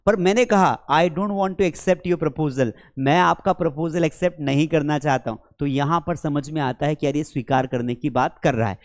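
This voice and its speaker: A man teaching an online spoken-English lesson. He explains patiently, calls his viewers friends and children, and reads English example sentences slowly. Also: on the high side.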